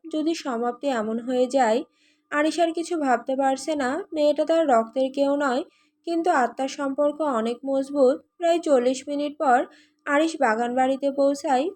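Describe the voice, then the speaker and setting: A woman reads a romantic serial as narrator, in a steady, even storytelling manner. Her voice is high in pitch. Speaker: audiobook narrator. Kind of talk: scripted narration.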